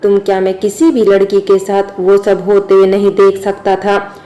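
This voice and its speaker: A woman voicing a brash young man who drinks, speaking in a flat, sarcastic, bantering way. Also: medium pitch, normal speed, faint music behind, natural voice. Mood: teasing.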